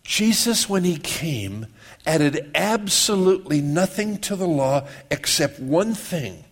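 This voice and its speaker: A man giving a conversational sermon, often repeating and restarting words and checking that his listeners follow. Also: fairly high pitch. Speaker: pastor.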